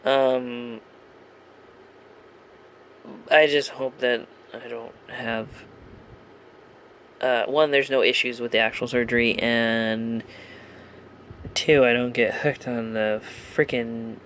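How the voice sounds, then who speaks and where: A man's voice: medium pitch, fairly even intonation, slow, fairly bright tone, slight background noise. A man chatting casually to camera in a vlog, rambling with lots of ums, joking frankly and laughing at himself, at home. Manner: candid and joking, swears casually. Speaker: vlogger. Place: at home with his cat.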